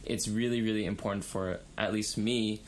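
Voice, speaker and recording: A man's voice: fairly low pitch, steady tone, normal speed, a little hiss or hum. A young man from Canada, talking in a hesitant way with many fillers during a casual discussion. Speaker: podcast co-host.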